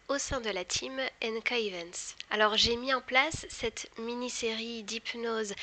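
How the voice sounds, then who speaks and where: Slow-paced, bright-voiced woman guiding hypnosis. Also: a little high. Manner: slow, deliberate, instructive. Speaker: hypnosis practitioner hosting a guided session series. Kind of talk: guided hypnosis, scripted introduction.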